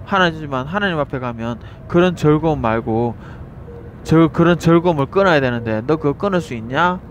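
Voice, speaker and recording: A man's voice: fairly high pitch, animated, brisk, dull audio, natural voice. A jeering devil tempts and accuses in a raised, needling voice, as a male preacher puts him on. He fires mocking questions one after another, with faint street noise behind. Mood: tempting.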